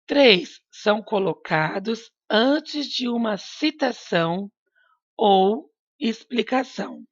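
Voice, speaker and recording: A woman's voice: fairly high pitch, animated, slow, husky, dry recording, lo-fi sound. A woman teacher giving a recorded lesson to young pupils, patient and coaxing, asking them questions and repeating her prompts. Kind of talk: recorded remote class lesson.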